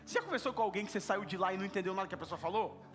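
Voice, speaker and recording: A male pastor preaching an animated sermon, repeating words for emphasis and acting out little dialogues. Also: high-pitched, very fast, faint music behind. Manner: animated, repetitive, acts out dialogues.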